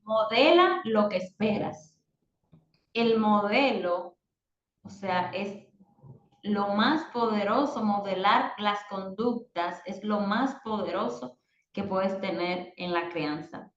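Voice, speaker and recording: A woman's voice: mid-range voice, slow pace, roomy sound, highs cut off. Woman teaching a parenting course. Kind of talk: online course lesson.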